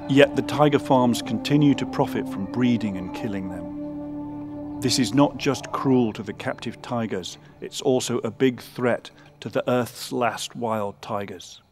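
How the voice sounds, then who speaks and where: A man reading scripted nature documentary narration in a measured, earnest way. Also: mid-range voice. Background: music.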